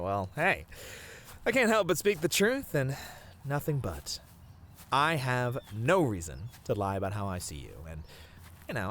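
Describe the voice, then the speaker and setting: In a romantic ASMR roleplay, a man acts as a sweet, bashful boyfriend rambling on a picnic date, his pitch lively and his mood fond and teasing. He speaks tenderly but flustered, halting often and chuckling softly.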